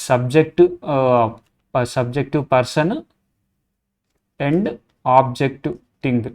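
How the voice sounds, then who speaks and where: A man tutors students through exam grammar questions. He reads each English sentence out slowly and carefully, then breaks it down in Telugu. He thinks aloud and restarts often, marking each step with an "okay". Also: mid-range voice, darkish tone. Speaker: teacher.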